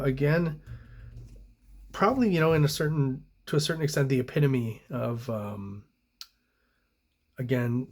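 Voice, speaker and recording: A man's voice: medium pitch, a little mellow. A man with an ordinary mid-range voice talks through comic book pages in a loose, casual way. He rambles, gropes for the right word and leans on ums and you-knows, but his enthusiasm for the artwork comes through. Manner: rambling, searches for words, frequent ums; enthusiastic about the art. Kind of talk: casual review commentary.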